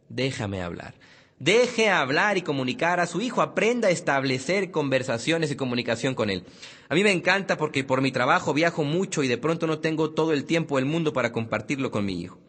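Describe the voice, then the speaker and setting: A man's voice: on the high side, animated, normal speed, a bit bright, in a large hall. A man giving a motivational parenting talk, speaking emphatically and addressing parents directly. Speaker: parenting lecturer.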